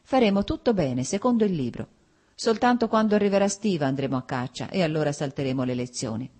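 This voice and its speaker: A woman's voice: deep voice, expressive, fast, darkish tone. A woman reading the part of an impulsive young male landowner in an audiobook, with an eager, raised voice. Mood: cheerful.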